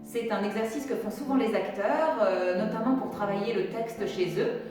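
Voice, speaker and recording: A woman drama teacher leading an acting warm-up, giving clear step-by-step instructions and demonstrating diction drills. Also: mid-range voice, moderate pace, very echoey, far from the mic, over music.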